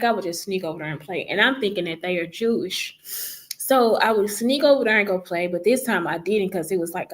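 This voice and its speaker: A woman's voice: mid-range voice, a bit bright. A woman vlogger recounting her life story in casual first-person talk, rambling with many fillers and self-corrections.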